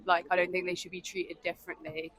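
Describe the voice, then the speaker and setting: A woman's voice: on the low side, little pitch movement, fast talker, fairly bright tone, slight background noise, poor audio. A woman answering a street interviewer with eager agreement and many fillers. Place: city street outdoors.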